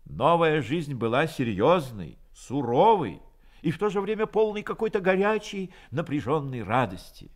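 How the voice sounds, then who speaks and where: An actor playing the storyteller of a radio drama, reading literary narration solemnly. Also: male voice, a little high, big pitch swings, moderate pace. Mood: solemn, elevated.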